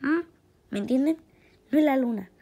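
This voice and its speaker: A woman's voice: high voice, normal speed, vocal fry, warm tone. A woman chatting playfully while drawing, muttering to herself as she works. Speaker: channel host. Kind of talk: casual chat while drawing.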